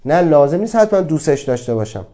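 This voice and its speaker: Man, motivational talk, earnest, rhetorical questions, mellow, warm tone. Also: on the high side, big pitch swings. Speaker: speaker on self-acceptance.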